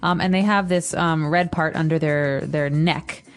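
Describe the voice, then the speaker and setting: A woman co-hosting an English-learning podcast, explaining vocabulary slowly and clearly like a teacher. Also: low-pitched, steady tone. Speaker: podcast co-host.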